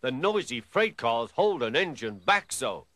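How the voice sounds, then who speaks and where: A man's voice: medium pitch, big pitch swings, a little slow, fairly bright tone, voice pushed up. A man voicing a big, proud, boastful male engine who grumbles and brags. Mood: sulky. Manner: grumbling, pompous.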